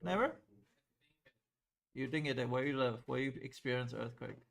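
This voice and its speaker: Gravelly-voiced man teaching math. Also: mid-range voice, moderate pace. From Taiwan. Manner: lively, asks the class questions. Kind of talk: classroom lecture at a whiteboard.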